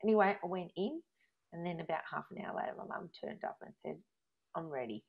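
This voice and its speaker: A woman's voice: lowish voice, fast, creaky, crowd noise. A woman in her thirties with an Australian accent, candidly telling a personal story and acting out remembered arguments. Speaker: guest. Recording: dull lo-fi sound.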